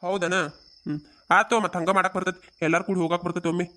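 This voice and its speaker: A woman's voice: fairly low pitch, fast talker, lightly acted. A woman voicing an easygoing, placating village father in a cartoon, with a North Karnataka Kannada accent. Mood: agreeable. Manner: calm, placating.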